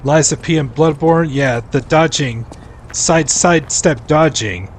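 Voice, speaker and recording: A man's voice: a little high, a little slow, slight background noise. A man in his forties chatting casually and rambling, restarting sentences while he live-streams a game. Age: 40s. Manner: rambling, animated, restarts often.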